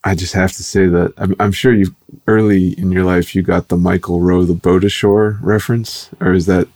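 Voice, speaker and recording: A man's voice: deep voice, flat delivery, moderate pace, darkish tone. A man co-hosting a business podcast, playful and rambling, with a lot of fillers. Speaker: podcast co-host. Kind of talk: casual interview chat.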